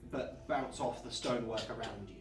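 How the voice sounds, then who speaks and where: A man working as game master, narrating a tabletop game in a halting, explanatory way. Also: medium pitch, distant mic. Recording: echoey room, off mic, faint music.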